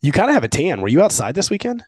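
A man's voice: a little high, wildly swooping pitch, racing, darkish tone, slightly rough, dry recording, clean studio sound. A man co-hosting a casual podcast chat, teasing his partner in a playful way and now and then bursting into exaggerated enthusiasm. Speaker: podcast co-host.

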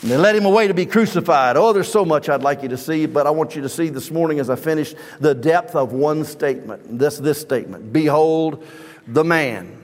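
A middle-aged male pastor delivers a fervent sermon, his fairly high voice surging upward and louder on key points. The sound carries a long reverb from the church hall around him. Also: fairly quick. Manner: fervent preaching, rising high and loud on emphasis. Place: church sanctuary.

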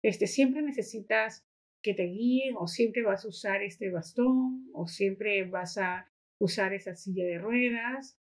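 A woman speaks as a podcast guest. Her voice is husky and slightly breathy at a medium pitch. She tells stories in a loose, chatty way and keeps adding little questioning tags. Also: slow. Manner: anecdotal, tags sentences with questioning asides. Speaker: guest, educator and activist. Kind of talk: casual podcast conversation.

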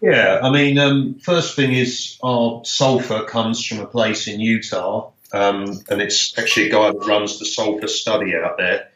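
A man with a fairly low voice talks as an interview guest. His manner is informal and easygoing. The sound is muffled and roomy, with noticeable echo. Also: steady tone, unhurried, hardly any pauses, a bit bright. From Essex, England. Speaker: podcast guest, health shop owner. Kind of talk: casual interview chat. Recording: roomy, dull lo-fi call-like sound.

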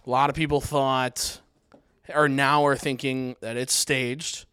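A man hosting a casual podcast from a home garage, introducing segments in a relaxed, rambling way. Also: medium pitch, takes it slowly, clear, resonant tone, dry recording. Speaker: podcast host.

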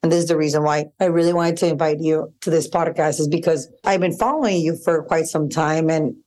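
Lower-voiced woman hosting, warm questions. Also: steady tone, fairly quick. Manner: enthusiastic and appreciative, rambling questions. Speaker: podcast host. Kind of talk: casual interview conversation.

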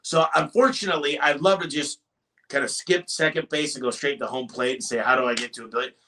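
A man's voice: mid-range voice, steady tone, fast talker, sharp tone, recorded from a distance. A man, a business owner guest on a podcast, talking in an emphatic, motivational way and telling stories. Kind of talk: podcast interview.

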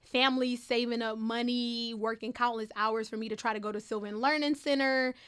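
A young woman telling her college story in a casual interview, animated and full of fillers like "like" and "um". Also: on the high side, fairly quick, smooth. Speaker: interviewee, first-generation college graduate.

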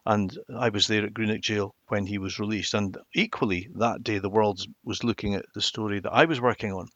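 A mature man with a Highland Scottish accent, telling stories reflectively and emphatically in a conversational interview. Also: fairly even intonation, brisk, a bit bright, no room sound, dull audio. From Inverness, Highlands of Scotland. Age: middle-aged or older. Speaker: interview guest, former television journalist.

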